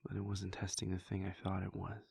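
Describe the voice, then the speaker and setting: For an intimate audio roleplay, a man gives a full character voice to a weary, brooding vampire prince, confiding softly in a low husky whisper. His delivery is monotone, brisk and reflective, with no echo.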